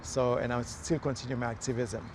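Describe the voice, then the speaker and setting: A man's voice: medium pitch, flat delivery, fairly quick, slight background noise. A man from Haiti, a mayoral candidate, talking earnestly in a casual outdoor interview with many fillers and restarts. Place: outdoors in a city near traffic.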